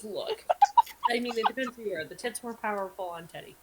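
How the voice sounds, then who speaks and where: A woman's voice: a little high, very animated, a little fast, gravelly. A woman chatting casually as a player in a tabletop game. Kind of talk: casual chat. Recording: very noisy, with clicks.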